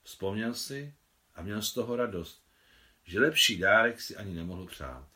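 Man, audiobook narrator, reading his translated novel, lowish voice, animated melody, expressive storytelling.

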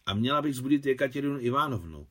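A man reading the part of a joyful older mother in a novel, with emphatic, animated delivery. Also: mid-range voice, voice pushed up.

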